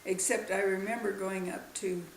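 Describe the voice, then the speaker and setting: A woman in her nineties, interviewed as a grandmother, recalling her childhood in a slow, halting way. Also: mid-range voice, fairly even intonation, echoey room, slight background noise, poor audio. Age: 90s. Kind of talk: casual family interview.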